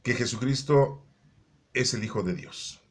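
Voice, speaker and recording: A man's voice: mid-range voice, unhurried. A man explaining the day's Bible readings in a casual, joking way, with asides and rhetorical questions. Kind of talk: conversational Bible commentary.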